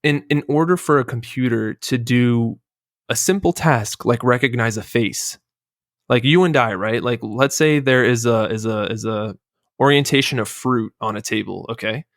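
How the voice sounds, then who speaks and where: A man in a casual podcast conversation lays out his point step by step at a middling pitch. The sound is dry and close to the mic. He keeps tagging his sentences with "right?" to check that his listener follows. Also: moderate pace, no echo. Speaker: podcast host. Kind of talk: casual discussion.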